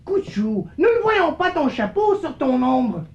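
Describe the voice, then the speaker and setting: A woman's voice: high voice, very animated, a little slow, darkish tone, dull audio. A woman voicing a mischievous male living shadow with a teasing, slightly haughty manner, in a children's puppet show.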